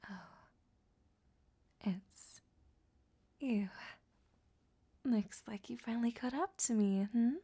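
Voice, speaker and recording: A woman takes on the role of an ancient vampire, flirtatious and cunning, in a roleplay audio drama, speaking in a soft, breathy half-whisper that is teasing and sardonic. Her pitch is on the high side, and she talks slowly with frequent pauses.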